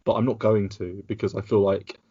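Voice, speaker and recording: A British podcast guest chats casually in a lowish, dark, slightly rough voice, speaking fairly quickly in a level tone. He rambles and is sarcastic, with frequent restarts, and the audio is dull.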